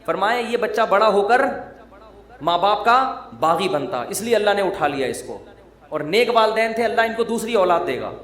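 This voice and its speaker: A man's voice: sits high, expressive, fairly bright tone. A male Islamic preacher giving a sermon in a joking, teasing, conversational way. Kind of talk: humorous sermon. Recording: roomy echo.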